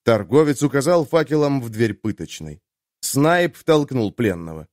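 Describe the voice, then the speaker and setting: A man's voice: mid-range voice, expressive, moderate pace, darkish tone, no echo. Man reading an audiobook, dry and close. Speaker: audiobook narrator. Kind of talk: scripted narration.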